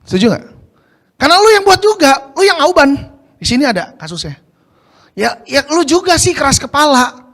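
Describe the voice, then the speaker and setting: High, lively-voiced pastor. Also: male voice, normal speed, long pauses. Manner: chatty, rhetorical questions to the congregation. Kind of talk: casual Jakarta-slang sermon.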